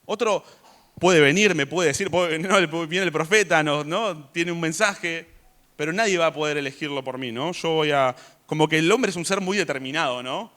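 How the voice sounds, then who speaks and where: A man preaching a sermon in church, chatty in tone and rising to loud emphasis when he reads scripture. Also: fairly high pitch, moderate pace.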